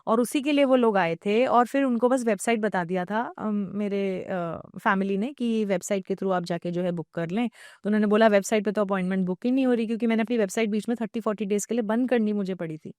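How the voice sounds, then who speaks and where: A woman's voice: medium pitch, fairly quick, a little mellow, no room sound. Woman, podcast guest, long explanations, English phrases mixed in, dry close sound. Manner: explains at length, mixing English phrases into Hindi. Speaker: Akashic record reader, podcast guest.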